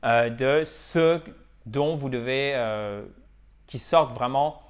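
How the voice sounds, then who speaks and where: A man's voice: mid-range voice, slow, smooth. A man teaching English in a video lesson, drilling pronunciation by repeating words and checking in with "ok?". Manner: switches between French and English.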